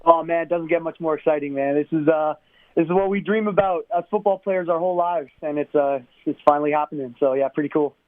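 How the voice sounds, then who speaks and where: A man's voice: fairly high pitch, quick pace, no echo. A man in his twenties, a football player, answering casually in an interview. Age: 20s. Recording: thin phone-like line.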